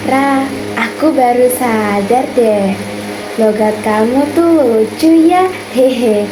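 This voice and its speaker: A woman's voice: fairly high pitch, slow pace, reverberant, music in the background, low-quality recording. A young woman playing a chatty, teasing classmate in a school skit, talking casually. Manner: casual gossiping schoolmate talk.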